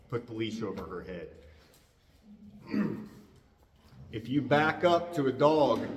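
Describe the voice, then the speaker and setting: A man talks calmly and casually as a dog trainer, explaining while he works. His mid-pitched voice sits back from the mic, and a long, roomy echo trails after his words. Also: far from the mic, slight background noise. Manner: calm, easygoing, explains as he works.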